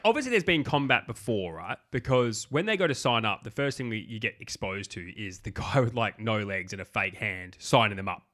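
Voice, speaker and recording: A man co-hosting a casual film podcast, animated and swearing freely as he picks apart scenes. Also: fairly low pitch, brisk, few pauses. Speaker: podcast co-host.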